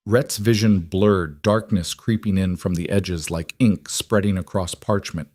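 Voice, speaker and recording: A man's voice: deep voice, fairly even intonation, measured pace, darkish tone, no room sound, studio quality. A man reading a dramatic western story as scripted narration.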